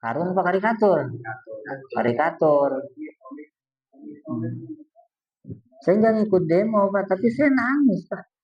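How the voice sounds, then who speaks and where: A man's voice: high voice, expressive, measured pace, pauses often, faint music behind. A man preaching a casual, colloquial sermon to a congregation, earnest and speaking directly to his listeners. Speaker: Islamic preacher. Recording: distant dull lo-fi recording.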